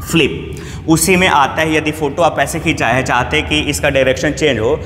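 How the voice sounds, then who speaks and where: A man's voice: a little high, fairly even intonation, brisk, fairly bright tone. Man teaching in an echoey room. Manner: patient, repeats each example word several times. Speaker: English teacher. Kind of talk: Hindi-language pronunciation lesson. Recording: echoey room with long reverb, faint background noise.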